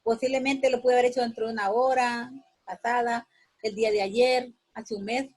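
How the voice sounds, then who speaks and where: A woman's voice: fairly high pitch, level tone, moderate pace, darkish tone, husky, rough recording. A woman teaching a sixth-grade lesson, patiently repeating each point and giving instructions to students. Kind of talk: classroom lesson.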